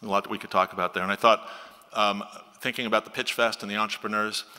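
Bright-voiced man speaking in a hall. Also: fairly low pitch, little pitch movement, fast, clear, resonant tone. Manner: conversational, gesturing at the podium. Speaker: keynote speaker. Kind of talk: conference keynote speech. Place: large auditorium stage. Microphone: podium mic on a stand. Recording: reverb of a large auditorium.

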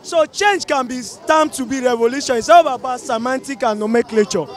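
A man's voice: very high voice, fairly quick, faint music behind, some chatter behind. A middle-aged man with a Nigerian accent giving an emphatic, oratorical street-interview opinion on a busy city street. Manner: emphatic, oratorical, repeats calls to action. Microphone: handheld mic held by interviewer.

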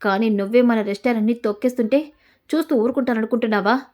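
A woman's voice: fairly high pitch, fast, darkish tone, natural voice. Woman voicing a furious old grandfather. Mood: angry. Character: stern elderly grandfather, family patriarch, angry.

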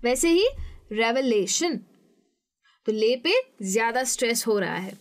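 A young woman teaching an English lesson, explaining patiently step by step and saying example words slowly. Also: fairly high pitch, expressive.

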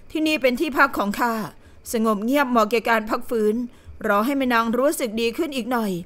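A woman voicing a gentle, wealthy young nobleman who speaks softly and calmly in an audio novel. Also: a little high, fast, close to an everyday voice. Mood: soothing. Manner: soft, calm and soothing.

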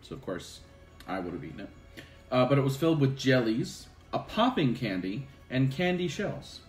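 A man's voice: medium pitch, very animated, normal speed, roomy sound, faint music behind. A man guest in a casual tasting chat, easygoing and describing flavors. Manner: easygoing, offers tasting notes.

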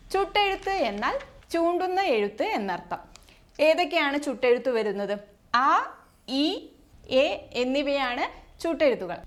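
A woman teaching an exam-prep grammar lesson, patiently repeating each definition and listing letters one by one. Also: sits high.

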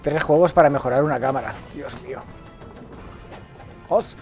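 A Spanish man with a Valencian accent giving casual, joking commentary as he plays a game, shouting and yelping when things go wrong. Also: medium pitch, steady tone, fast talker, soft background music. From Spain. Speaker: gaming streamer.

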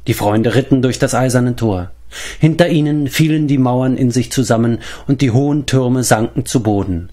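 A man reading a fantasy novel aloud as an audiobook, in measured, steady storytelling. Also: mid-range voice. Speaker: audiobook reader. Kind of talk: scripted narration of a fantasy novel.

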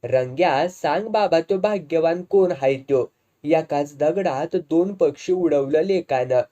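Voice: medium pitch, a little slow, warm tone, muffled recording, close to an everyday voice. A storyteller voicing a jealous young village man who speaks with a mocking sneer. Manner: mocking, twisted-mouth sneer.

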